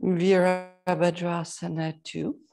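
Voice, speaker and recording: Slow, calm woman yoga teacher. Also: lowish voice, gravelly. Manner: slow, calm cueing with soft counted breaths. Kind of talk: guided yoga class instruction.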